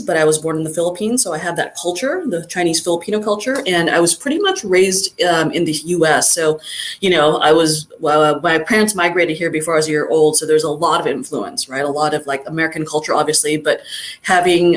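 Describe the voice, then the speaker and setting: Thoughtful, rambling middle-aged guest. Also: female voice, low voice. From Southern California. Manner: rambling, thoughtful, many fillers. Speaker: guest chiropractor. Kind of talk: casual interview conversation.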